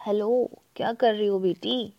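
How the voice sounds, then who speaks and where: A woman voicing a middle-aged mother on a phone call, asking questions in a calm tone. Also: medium pitch, unhurried, lightly acted. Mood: puzzled.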